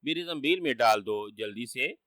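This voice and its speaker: A man's voice: mid-range voice, lively intonation, fairly bright tone, dry recording, studio quality, lightly acted. A man voicing a wily trickster who fakes dying, whining and sly.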